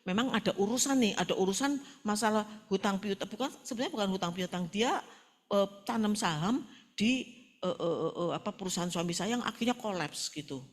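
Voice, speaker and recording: A woman's voice: medium pitch, fairly quick. A middle-aged woman pastor preaching a sermon, telling stories with quoted dialogue in a colloquial style and often addressing the congregation directly. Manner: animated storytelling with quoted dialogue.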